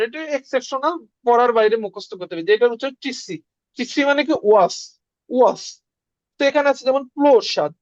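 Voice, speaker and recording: Higher-pitched woman drilling pronunciation. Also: a little mellow, no room sound. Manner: drills sounds with repetition and quizzing questions. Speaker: language teacher. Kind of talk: beginner language lesson. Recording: dry, muffled lo-fi sound.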